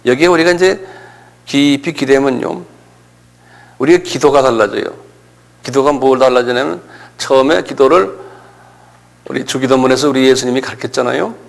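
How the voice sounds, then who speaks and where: A man's voice: medium pitch, moderate pace, creaky, pauses often. A pastor giving a conversational sermon lecture, often asking his listeners questions. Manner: conversational preaching with rhetorical questions.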